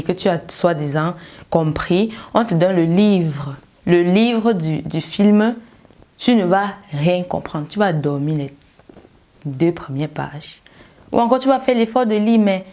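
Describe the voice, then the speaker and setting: A woman with a fairly low voice talks straight to her viewers as a language coach. She delivers a motivational lecture, driving her points home with emphatic, pointed rhetorical questions. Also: a little mellow. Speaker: English learning coach.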